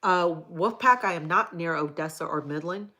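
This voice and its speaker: A woman's voice: lowish voice, normal speed, pushed and bright. A woman from Hawaii hosting a live stream, reading viewer comments aloud and answering them in a blunt, crude, casual way. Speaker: livestream host answering chat.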